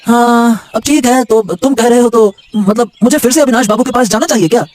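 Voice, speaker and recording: A man's voice: very high-pitched, brisk, darkish tone. A man voicing an eager, deferential young man looking for work in a cartoon. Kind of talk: cartoon voice acting. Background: background music.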